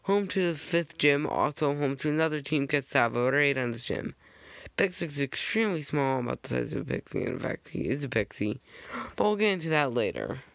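Guy rambling through his slides, trips over words and corrects himself, raspy voice, super dry recording. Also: a little high, expressive, brisk, fairly bright tone, no room sound. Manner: rambling, jokey asides, frequent self-corrections. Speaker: fan video narrator. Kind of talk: casual narrated slideshow.

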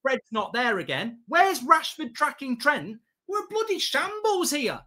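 A man's voice: extremely high pitch, very animated, a little slow, pushed and bright. A man, reacting live to a football match as a watchalong host, exasperated, emphatic, repetitive and sweary. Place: small indoor studio set at a desk.

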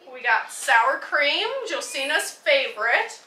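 A mother vlogging in her thirties speaks slowly in a high-pitched, animated voice with a bright, forceful tone, laughing often while casually explaining each grocery item. Indoors in her dining room, she's caught by a camera mic across the table that sounds roomy, distant, and noisy.

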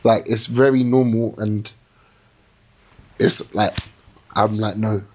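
A young man talking as a podcast guest in a small indoor studio, reflective and animated, telling his story with restarts. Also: lowish voice, slow, a little hiss or hum. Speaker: plus-size model, podcast guest. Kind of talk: casual interview chat.

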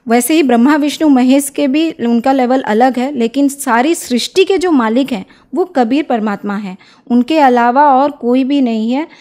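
A young woman from Odisha, giving an earnest, persuasive testimony as an interview guest and often pausing on filler sounds. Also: high voice, warm tone. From Odisha, India. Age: young adult.

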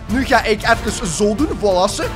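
A young Flemish man, a bit sick, joking and shouting through his gaming commentary. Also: sits high, moderate pace, music in the background. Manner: joking, excitable, shouts during fights. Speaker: gaming YouTuber.

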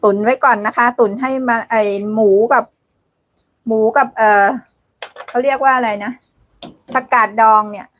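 A woman's voice: on the high side, fairly even intonation, normal speed, long pauses, fairly bright tone. Chatty woman hosting a cooking livestream. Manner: chatty, thanks viewers by name, laughs often. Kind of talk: casual live cooking chat.

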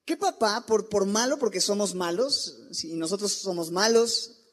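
A man's voice: high voice, measured pace. A man, preaching a sermon in a church and asking his listeners many rhetorical questions. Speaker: pastor. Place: church sanctuary.

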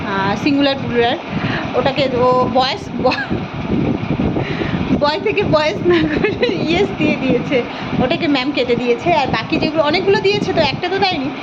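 A woman chats to her phone camera in a high voice, rambling and often correcting herself. The audio is muffled and lo-fi, with loud traffic noise behind her. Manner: chatty, rambling, self-correcting. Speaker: vlogger. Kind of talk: casual chat to camera. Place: home, then street outdoors.

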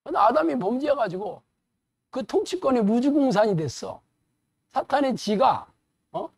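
Animated colloquial male pastor preaching. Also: very high voice, normal speed, husky, dry recording. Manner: animated, colloquial, rhetorical questions. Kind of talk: sermon lecture.

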